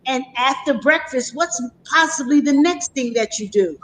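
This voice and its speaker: A woman's voice: high-pitched, lively intonation, moderate pace, a bit bright, a little hiss or hum, poor audio. A woman teacher co-hosting a school interview, asking a young child questions patiently and praising her answers. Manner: patient, encouraging, praises often. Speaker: teacher co-host. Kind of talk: gentle classroom questioning.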